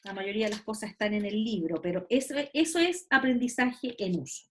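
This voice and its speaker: A woman's voice: medium pitch, lively intonation, brisk, a bit bright, a little hiss or hum. A woman teacher gives an online class, explaining patiently and often checking that students follow. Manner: explanatory, checks understanding with "¿cierto?" and "¿ya?".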